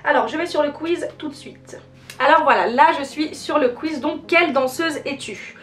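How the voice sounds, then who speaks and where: A woman's voice: high voice, normal speed, a bit bright, faint music behind. A young French woman hosting a dance channel, chatting casually and playfully with lots of fillers and self-mocking jokes. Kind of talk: casual vlog chat.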